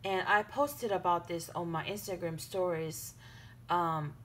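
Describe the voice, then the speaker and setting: A woman vlogger talks casually to her viewers in a slightly low voice, full of fillers and restarts and quick to get excited. A faint noise sits under the recording. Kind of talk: casual chat to camera.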